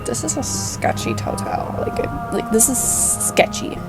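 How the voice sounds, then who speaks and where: A woman's voice: a little high, big pitch swings, moderate pace, over loud music, low-quality recording. A young woman with a stuffy cold rambling casually through gameplay commentary, full of "like" and fillers. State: stuffy and sick, coughing. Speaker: gaming video host.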